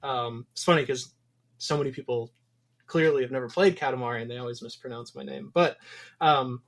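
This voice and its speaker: This Wisconsin man is a game developer appearing as a guest on a casual podcast interview. His mid-range voice is creaky and a little fast. He talks thoughtfully and rambles, dropping frequent ums.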